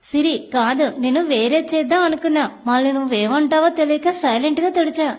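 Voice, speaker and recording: A teasing young husband from a storybook, fond and playful with his new bride, read by a woman in her own voice. The voice sits high and light, close to everyday talk. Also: a little fast, darkish tone, natural voice.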